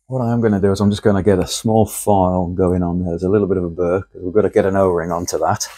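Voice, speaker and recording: Low husky man in his workshop. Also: fairly even intonation, fast talker, mellow. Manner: chatty, talks viewers through each step as he works. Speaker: model engineering workshop host. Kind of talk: casual workshop demonstration. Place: home workshop, indoors. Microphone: camera on a tripod.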